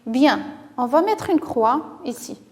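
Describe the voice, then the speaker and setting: Woman teacher doing a phonics lesson for little kids, high voice, slow and drawn out, lots of "très bien", long reverb tail. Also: animated. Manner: slow, carefully articulated, drawing out words to model sounds; encouraging, with frequent praise. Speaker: primary school teacher. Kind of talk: reading lesson for young children.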